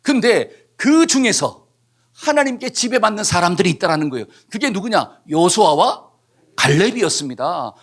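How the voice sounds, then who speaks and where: A male pastor delivering a sermon in a high voice that climbs and falls widely. He keeps asking the congregation questions and answering them himself. At times he leads everyone in reading scripture aloud.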